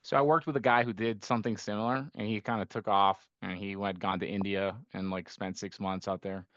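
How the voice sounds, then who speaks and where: A middle-aged man who grew up in Costa Rica appears as a podcast guest, an investment firm's managing partner, talking through his investments in a conversational interview full of restarts and rhetorical "right?" tags. His voice is fairly low, fairly even in intonation, brisk and a bit bright. No room sound is present, and the high frequencies are cut off.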